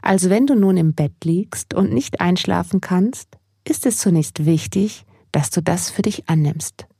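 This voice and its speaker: A woman podcast host and mindfulness coach speaking as a gentle sleep meditation narrator, addressing the listener directly in a mellow, slightly husky, creaky voice. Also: fairly low pitch, unhurried, dry recording, clean studio sound.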